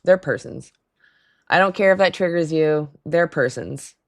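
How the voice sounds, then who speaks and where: With a hoarse throat and a raspy voice, a woman hosts a casual call-in stream, chatting loosely, laughing often, and replying to her chat. She talks a little slowly, her voice sitting low.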